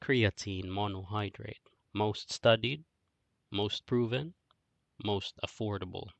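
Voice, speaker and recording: A man's voice: on the low side, a bit bright, dry recording, muffled recording. A man voicing a simple, earnest caveman who explains things in short, blunt, broken-grammar phrases, as scripted comic narration. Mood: blunt, instructive. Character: slow, simple-minded but earnest caveman fitness explainer.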